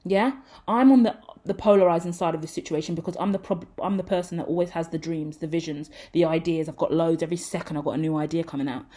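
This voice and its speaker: A tarot reader in her 30s gives a frank, rambling reading straight to her viewers on camera. Her voice is low-pitched and warm, and she talks at a quick pace.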